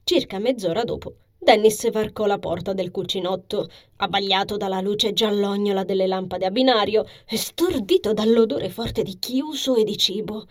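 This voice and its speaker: A woman narrates a novel in a soft, hushed reading voice that now and then slips into a whisper. Her tone is husky and breathy, sitting at an ordinary pitch for a woman. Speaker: audiobook narrator. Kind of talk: scripted narration.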